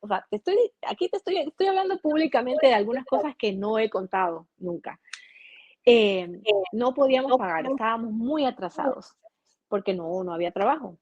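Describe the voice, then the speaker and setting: A woman with an Ecuadorian accent, a journalist guest telling a personal story in a casual interview, earnest and animated, often restarting her sentences. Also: a little high, moderate pace, no room sound, lo-fi sound. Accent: Ecuadorian Spanish.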